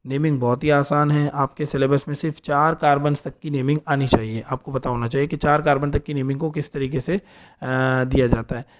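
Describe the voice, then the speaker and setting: A man's voice: fairly high pitch, steady tone, brisk. A man teaching an organic chemistry lesson, explaining step by step and often checking in with his students. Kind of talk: classroom lecture.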